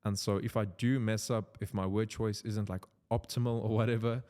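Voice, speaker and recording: A young man from South Africa, an Afrikaans speaker, chats in accented English in an unscripted vlog, wandering along and filling gaps with "like." He sounds on the low side, steady, and a little mellow at a moderate pace.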